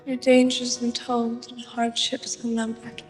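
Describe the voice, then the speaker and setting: A dramatic teenage girl reciting heroine lines with theatrical flair. Her voice sits fairly high, with faint music underneath. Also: monotone, unhurried, darkish tone, husky.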